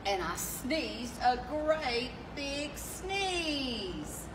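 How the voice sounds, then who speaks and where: A chatty storybook wolf played by a woman reading aloud pleads his case with mock innocence. The delivery swings in pitch, conversational and animated. It is heard from some distance outdoors, with echo and clear background noise. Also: very slow, heavily acted. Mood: storytelling. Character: chatty, self-justifying wolf telling his side. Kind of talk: children's picture-book read-aloud. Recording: distant mic outdoors, noisy, echoey ambience.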